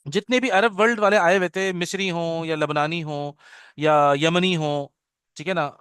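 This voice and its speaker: High, smooth-voiced middle-aged male teacher. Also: fairly even intonation, a bit bright, no echo. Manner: mixes English into Urdu, keeps checking with "okay?". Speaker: Arabic teacher. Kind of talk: online class orientation talk. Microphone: video call.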